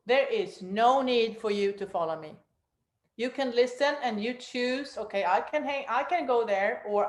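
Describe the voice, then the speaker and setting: A woman teaching guided meditation, giving gentle instructions to a group as the teacher. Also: mid-range voice. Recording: roomy, echoey room sound.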